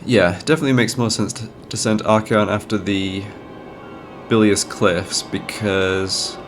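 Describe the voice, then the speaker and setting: A gaming channel host with a cold talks through a strategy game casually, thinking aloud and explaining each move. His voice sits on the low side, slightly nasal, with vocal fry.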